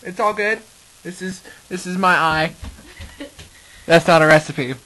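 A man's voice: sits high, a little slow, sharp tone, rough recording. A teenage boy goofing around while hosting a homemade cooking video, joking and giggling, recorded on a laptop webcam in a home kitchen. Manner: giggly and joking, often breaking into laughter. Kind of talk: goofy casual chat. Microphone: laptop webcam mic.

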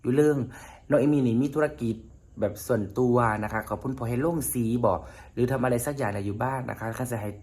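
A man's voice: medium pitch, fast talker, mellow. A man with a northeastern Thai Isan accent, chatting casually to his viewers in a rambling vlog, often turning to speak to them as friends. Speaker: vlogger.

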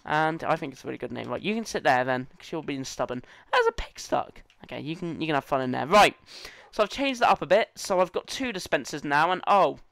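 A man hosting a casual gaming let's-play, chatting excitedly and playfully to the other players as he goes. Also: fairly high pitch, fast, vocal fry, dry recording. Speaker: gaming channel host.

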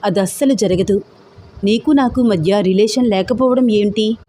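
A woman voicing a stubborn, teasing young man in love, playful and persistent, with a mellow tone. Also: medium pitch, normal speed, lightly acted.

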